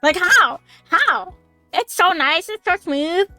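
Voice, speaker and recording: A woman's voice: very high voice, animated, slow, bright, forceful tone, no echo. A young woman in her twenties streaming, rambling in casual chat with many fillers, laughs and the odd swear word. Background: faint background music.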